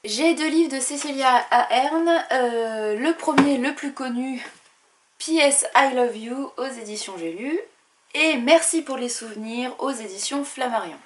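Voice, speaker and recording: A young woman talks through her book collection for a casual vlog. Her voice sits a little high for a woman. She reels off titles and publishers with small asides and the odd hesitation. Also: a little slow. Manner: listing titles and publishers with asides, some fillers. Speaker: book vlogger. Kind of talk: casual book haul presentation.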